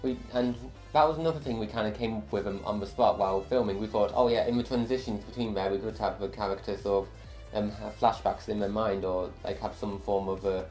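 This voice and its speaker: A young man with a lowish voice chats about filming, hesitant and full of fillers. The room sounds roomy, with faint music under him. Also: fairly even intonation, fairly quick, darkish tone. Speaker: co-filmmaker, guest. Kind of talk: casual behind-the-scenes chat.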